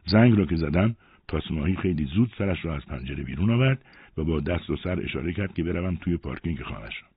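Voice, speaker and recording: A man narrating a first-person story aloud with an expressive storytelling delivery. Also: a bass voice, breathy edge. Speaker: audiobook narrator. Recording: dry, phone-like narrow sound.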